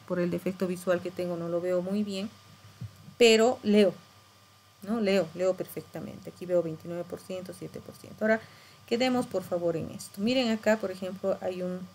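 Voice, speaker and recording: A woman's voice: lowish voice, darkish tone, a little hiss or hum, low-quality recording. A middle-aged woman teacher, explaining patiently and checking in with tag questions. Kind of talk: screen-share tutorial lesson.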